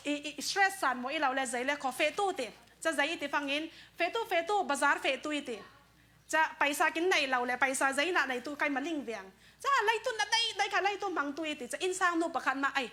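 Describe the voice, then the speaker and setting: Woman, preacher, sermon, conversational, high pitch, bright tone. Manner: conversational preaching, mixes in English words.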